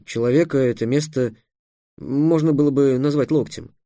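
A man narrating an audiobook in an expressive storytelling manner. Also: mid-range voice, moderate pace, no room sound, studio quality.

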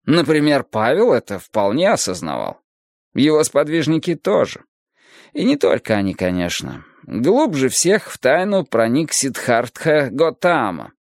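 A man voicing a calm philosophical teacher. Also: mid-range voice, gravelly, dry recording, studio quality, pitched above the performer's own voice, heavily acted. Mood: musing. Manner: slow, measured, lecturing. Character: calm philosophical male teacher, gently sorrowful. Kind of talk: audiobook character reading.

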